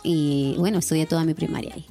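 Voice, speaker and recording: A woman's voice: low voice, steady tone, fast, vocal fry, mellow, soft background music. A young woman from Lima with a Peruvian accent, a singer chatting as an interview guest, laughing often and ending phrases with tag questions. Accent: Peruvian Spanish, Lima. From Peru, born in Lima. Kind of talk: casual interview chat.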